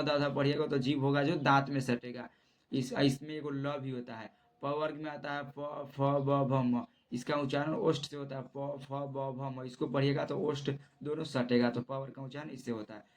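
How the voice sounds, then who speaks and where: A man teaching a Hindi grammar lesson for exam students, saying each definition twice and reading the letters out one by one. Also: medium pitch. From Bihar, India.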